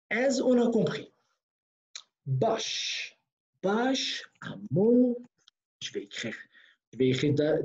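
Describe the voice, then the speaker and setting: Language teacher, unhurried patient delivery, soft mellow tone, repeats phrases, dull lo-fi class audio. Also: medium pitch. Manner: slow, repeats each phrase for learners to copy; explains patiently, checks in with "ok?". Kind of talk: online language lesson.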